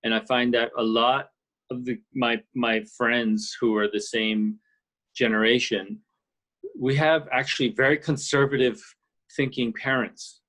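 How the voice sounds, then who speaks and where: A middle-aged Canadian orchestral percussionist joins a casual interview over a video call from indoors at a ski and golf resort. His medium-pitched, slightly bright voice moves a little slowly with fairly even intonation. He speaks thoughtfully, with plenty of fillers and restarts.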